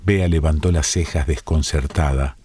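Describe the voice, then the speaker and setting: A male narrator with a Rioplatense accent reads an audiobook calmly and steadily. His voice sits very low and dark, and the sound is close and dry. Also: moderate pace, breathy edge, no echo. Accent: Rioplatense Spanish.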